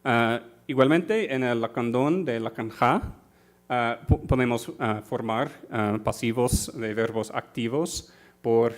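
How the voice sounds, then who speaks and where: A man's voice: mid-range voice, slow pace. A man giving an academic conference talk in a university auditorium, speaking carefully with frequent fillers and self-corrections.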